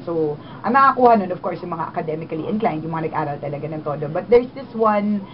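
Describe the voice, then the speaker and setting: A woman's voice: on the low side, fast. A woman in her twenties with a Filipino accent, a radio DJ telling her story in an interview, mixing Tagalog and English. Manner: animated, switches between Tagalog and English. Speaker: radio DJ guest. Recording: dull lo-fi sound with clear noise.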